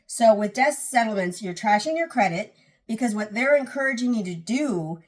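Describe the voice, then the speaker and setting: A woman's voice: fairly high pitch, lively intonation, moderate pace. A woman vlogger talking casually about getting out of debt. She is earnest, often restarts and repeats phrases for emphasis, and sounds a little tired. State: tired, yawning. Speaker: personal finance vlogger. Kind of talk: casual talk to camera.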